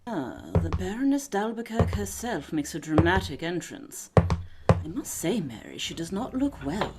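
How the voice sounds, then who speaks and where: A woman's voice: fairly low pitch, sing-song, normal speed, loud music behind the voice. A woman playing a composed, knowing aristocratic lady detective, self-assured and formal, in a period radio drama. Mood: confident, wry.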